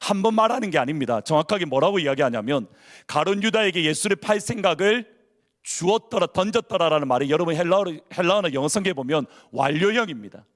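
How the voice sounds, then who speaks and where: A man's voice: a little high, animated, fast talker. A male pastor preaching a sermon in a church, asking the congregation questions and acting out people's inner worries. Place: church sanctuary.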